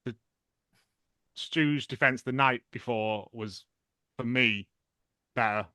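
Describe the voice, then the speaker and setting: Guy hosting a podcast, excitable, keeps restarting, dry close sound. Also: mid-range voice, slow, no echo. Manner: excitable, rambling with repeated restarts. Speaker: podcast host. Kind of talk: casual podcast chat.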